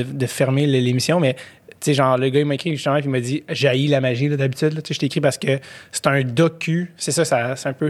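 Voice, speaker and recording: A man with a Québécois French accent in casual podcast chat, rambling with many fillers and restarts. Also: fairly high pitch.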